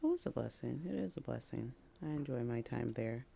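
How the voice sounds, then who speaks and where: A woman co-hosting a relaxed podcast chat. Her voice has a gravelly edge and swings up and down a lot as she talks. She is playful and laughs easily, with faint background noise behind her. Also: very deep voice, a little fast. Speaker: podcast co-host, teacher. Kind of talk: casual chat.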